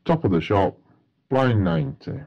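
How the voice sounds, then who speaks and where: A man's voice: on the low side, big pitch swings, normal speed, dull audio. A man working as a bingo caller, announcing numbers in set phrases with a matter-of-fact delivery.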